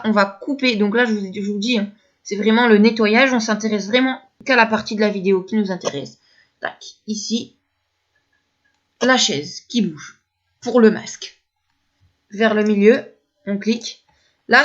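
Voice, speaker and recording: A woman's voice: medium pitch, lo-fi sound. A woman teaching video editing step by step, hesitant and repeating herself as she talks through each click. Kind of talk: screen-recorded editing tutorial.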